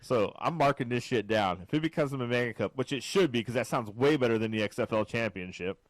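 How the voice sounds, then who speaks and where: A man co-hosting a casual sports podcast, his pitch leaping around as he jokes and gets excited. The sound is close and dry, with no room echo at all. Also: quick pace. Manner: animated, jokey, swings pitch high when excited. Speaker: podcast co-host.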